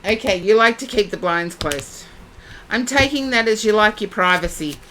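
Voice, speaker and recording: A woman's voice: medium pitch, lively intonation, normal speed, noisy background. A woman giving psychic readings on a live stream, chatting and addressing viewers by name. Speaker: psychic reader.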